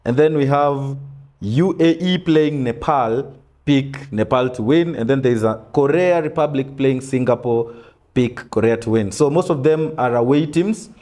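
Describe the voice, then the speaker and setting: A young man hosting a sports betting-tips show in a small studio, running through picks in a relaxed, casual way. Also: mid-range voice, unhurried. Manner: relaxed, lists picks with frequent "mm" backchannels. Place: small studio in front of a brick wall backdrop.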